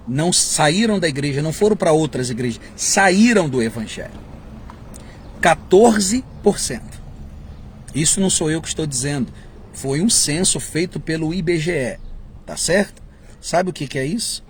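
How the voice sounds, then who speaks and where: A man with a Brazilian Portuguese accent preaching a fervent sermon, building to emphatic, mocking peaks. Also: on the high side. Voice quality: very husky. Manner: fervent, rising to emphatic bursts and mocking mimicry.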